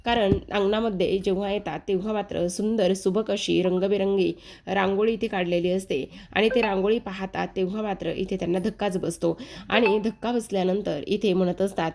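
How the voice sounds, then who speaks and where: A woman's voice: mid-range voice, steady tone, a little fast, gravelly, darkish tone. A woman narrating a casual recap of a TV serial episode, retelling the scenes in a running present tense and speaking straight to her viewers.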